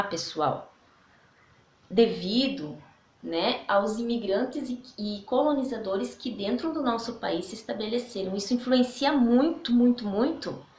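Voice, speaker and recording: Slow, patient Brazilian woman teaching. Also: on the high side, reverberant. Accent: Brazilian Portuguese. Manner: slow, didactic, checks in with "né?" and "tá?". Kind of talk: recorded online class.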